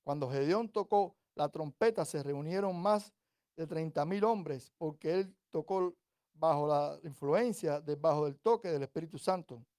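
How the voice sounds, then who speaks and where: A man from Cuba delivers a sermon in a mellow, dark voice with a touch of height to it. He talks to his listeners conversationally and keeps checking in with them, then slows and swells when he reads scripture. The sound is dry and close. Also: on the high side, clear, resonant tone, dry recording. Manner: conversational, rhetorical "¿cierto?" checks; builds to louder, slower emphasis on scripture. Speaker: preacher.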